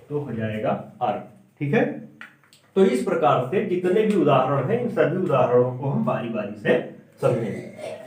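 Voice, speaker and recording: Slow, echoey Hindi grammar teacher, a man. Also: darkish tone. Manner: slow, repeats each point as a question then answers it; drags out and drops pitch on key sounds. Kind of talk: grammar lesson at a board. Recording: echoey room, far from the mic.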